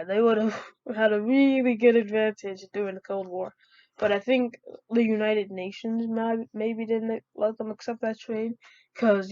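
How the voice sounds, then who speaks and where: A woman from the United States talks off the cuff, circling back with fillers and false starts. Her voice sits at a middling pitch. The recording sounds dry and a little muffled, with no room echo. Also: a little mellow. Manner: rambling, many fillers and restarts. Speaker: video creator. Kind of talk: unscripted casual talk.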